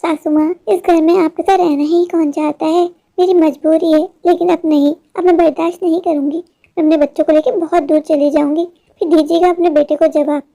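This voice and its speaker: A woman's voice: extremely high pitch, steady tone, brisk, warm tone. A woman voicing an indignant young daughter-in-law in a cartoon story, complaining about her in-laws. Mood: defiant.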